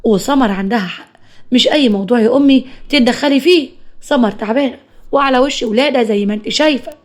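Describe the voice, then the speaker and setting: A woman voicing a young husband who politely tries to calm his mother, with an Egyptian accent. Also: fairly high pitch, quick pace, close to an everyday voice. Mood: placating. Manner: polite, placating. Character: young husband torn between mother and wife.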